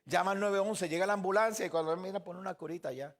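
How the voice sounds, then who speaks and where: A pastor giving a sermon in an earnest way, often putting questions straight to the listeners. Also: male voice, high voice, quick pace, vocal fry.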